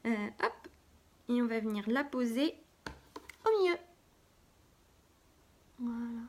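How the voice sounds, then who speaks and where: A woman hosting a casual live makeup tutorial, chatting as she works and dropping to a soft murmur when she concentrates. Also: on the high side, expressive, slow pace, slight background noise. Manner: restarts and fillers, self-mocking asides. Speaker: makeup live-stream host.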